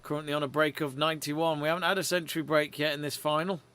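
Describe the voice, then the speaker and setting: A man hosting a live snooker watch-along, giving measured, conversational play-by-play commentary. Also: fairly high pitch, little pitch movement, pushed and bright, clean tone.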